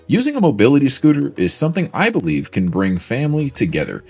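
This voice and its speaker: Over soft background music, a presenter for a mobility scooter company from Florida, USA, delivers a scripted product video in an upbeat, salesy style with lively intonation. His mid-range voice is gravelly with a breathy edge, and he talks fast.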